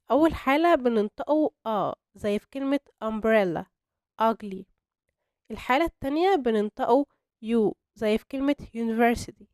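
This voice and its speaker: A young woman with an Egyptian Arabic accent teaching English grammar to beginners, explaining step by step and slowing down on her examples. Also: on the high side, darkish tone, no echo, clean studio sound. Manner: patient, step-by-step explanation with slow spelled-out examples.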